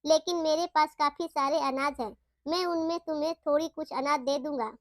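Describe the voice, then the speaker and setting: A woman's voice: sits high, steady tone, moderate pace, no room sound, studio quality, natural voice. A woman voicing a kind, helpful village man in a storybook tale, friendly and concerned.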